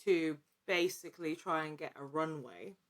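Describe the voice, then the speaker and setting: A woman with a low-sitting voice and moderate pace appears as a guest in a casual interview; she's an actor and producer. Her talk is wordy and rambling, and she often cuts herself off.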